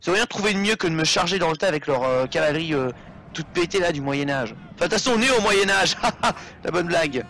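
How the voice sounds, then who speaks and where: A young man chatting loosely over his own gameplay, joking and swearing as his thoughts drift. His voice sits high and has a bright, forward edge. A faint hiss of noise runs underneath. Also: lively intonation, quick pace. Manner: rambling, joking, swearing, distractible. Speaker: let's play commentator. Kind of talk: casual gameplay commentary.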